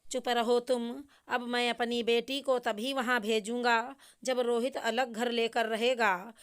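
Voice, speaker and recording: Doting dad who snaps at his wife, read by a lady, slow and clear. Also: on the high side, level tone, lightly acted. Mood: angry. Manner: scolding, shouting at his wife. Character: indulgent short-tempered father.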